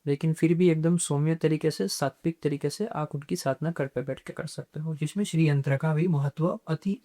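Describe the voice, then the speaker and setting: On a podcast, a male guest talks about spiritual practice in a calm, instructive manner, his voice slightly high for a man. He slips English terms into his speech, and his tone stays steady and warm.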